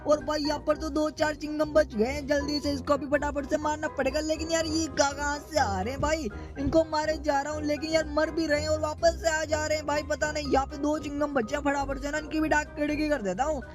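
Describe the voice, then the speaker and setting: A man giving excited, hurried gameplay commentary while playing his own character. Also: extremely high pitch. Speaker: gaming channel host. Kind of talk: gameplay commentary role-play. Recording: loud background game music.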